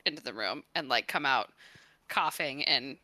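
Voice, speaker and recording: A woman's voice: extremely low pitch, animated, moderate pace, sharp tone, no room sound. A woman playing a tabletop game, carefully describing her character's moves. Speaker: player.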